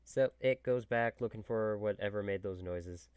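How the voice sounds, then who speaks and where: A man running a tabletop game as game master, giving even, matter-of-fact rulings. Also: fairly low pitch, moderate pace.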